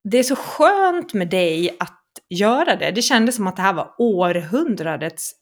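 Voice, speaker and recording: A woman in casual chat, an animated storyteller who acts out quoted reactions. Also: medium pitch.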